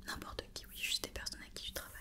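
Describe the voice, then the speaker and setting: Playing a company doctor in ASMR, a woman gives step-by-step directions and gentle reassurance at a racing pace. Her voice is a soft, unvoiced whisper.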